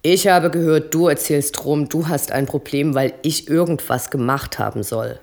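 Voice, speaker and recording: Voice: mid-range voice, moderate pace, vocal fry, darkish tone, natural voice. A reader voicing a brutal, hulking man who taunts and bellows at a younger rival in a bar. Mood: taunting.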